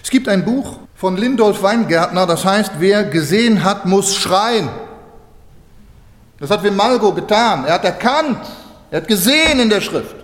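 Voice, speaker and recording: A man preaching a sermon, telling stories lively and acting out the dialogue. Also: high voice, a little slow. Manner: animated storytelling, acting out dialogue with laughter. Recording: echoey hall.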